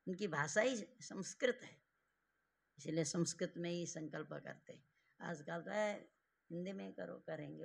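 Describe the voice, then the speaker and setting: A man teaching a grammar class to students in a classroom, slowly drilling them with repeated questions and giving stern, fatherly advice. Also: fairly high pitch, vocal fry, a bit bright. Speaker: Sanskrit teacher.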